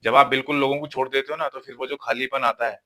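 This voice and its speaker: A man's voice: mid-range voice, fairly even intonation, fast, bright, forceful tone. A man giving a lecture-style relationship advice talk, earnest and insistent, driving points home with rhetorical questions.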